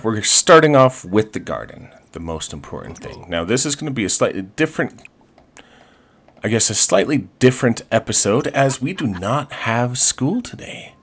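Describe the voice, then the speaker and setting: A man's voice: lowish voice, a bit bright. A man casually commenting over his life-simulation gameplay, chatty and upbeat, with frequent fillers and restarts. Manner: chatty, fillers and restarts, playful pirate talk. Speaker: gaming video host.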